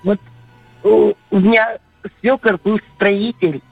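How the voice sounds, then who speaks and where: A woman's voice: mid-range voice, fairly even intonation, creaky, breathy edge, no echo. Hesitant woman caller over a landline phone. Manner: hesitant, halting with fillers. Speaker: caller to a radio show. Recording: tinny phone line, faint music behind.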